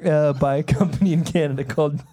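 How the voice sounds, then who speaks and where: A man's voice: on the high side, fairly even intonation, fast, dark tone, a little hiss or hum. A man producing a podcast, chatting casually and giggling while unsure of his own facts. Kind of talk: casual chat. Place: studio.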